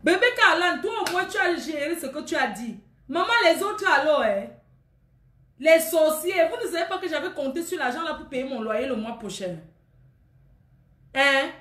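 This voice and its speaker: High-voiced woman scolding her live viewers. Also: animated, normal speed, fairly bright tone, reverberant. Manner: scolding, teasing, laughing. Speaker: online clothing seller on live stream. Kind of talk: casual live-stream chat with viewers.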